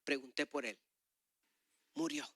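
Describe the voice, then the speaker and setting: A man's voice: a little high, fairly even intonation, a little slow, husky, no echo. Male preacher, middle-aged, piercing tense tone, dry close sound, impassioned testimony. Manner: passionate storytelling, swings between loud and soft. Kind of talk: sermon with personal testimony.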